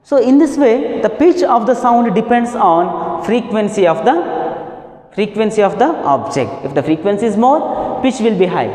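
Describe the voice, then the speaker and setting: A woman's voice: medium pitch, sing-song, mellow. Echoey Indian woman physics teacher. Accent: Indian English. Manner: repeats key terms slowly, asks and answers own questions. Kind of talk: classroom lesson. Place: classroom. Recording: echoey room with long reverb.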